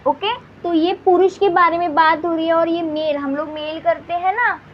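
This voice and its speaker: High-voiced Indian woman teaching grammar. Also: fairly even intonation, dull audio, a little hiss or hum. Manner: repetitive, addresses students directly, slow dictation of definitions. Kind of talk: classroom lesson explanation.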